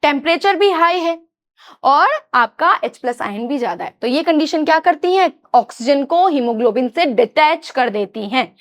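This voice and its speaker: A woman with a high, bright voice teaches a biology class with an Indian accent. She keeps asking her students questions and then answers them herself, calling them "children". Her explanations are patient and repeat the same points. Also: lively intonation, normal speed. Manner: often addresses students as children. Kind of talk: classroom lecture.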